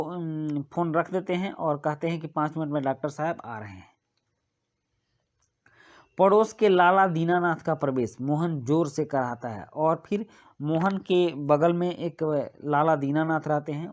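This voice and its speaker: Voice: mid-range voice, a little mellow. Teacher explaining a school worksheet. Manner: reads a short play aloud, then explains it step by step.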